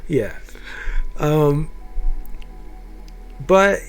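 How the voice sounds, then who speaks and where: A man's voice: on the high side, lively intonation, extremely slow, smooth, soft background music. A young man telling his own life story to camera, swearing freely and stumbling over repeated words as he gets worked up.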